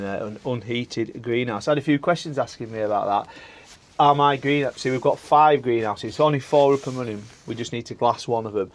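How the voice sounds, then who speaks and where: A man's voice: on the low side, noisy background. A man, vlogging casually and chatting in a rambling way while working outdoors on his allotment and in a greenhouse. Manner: chatty and rambling, with filler words. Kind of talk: casual vlog chat.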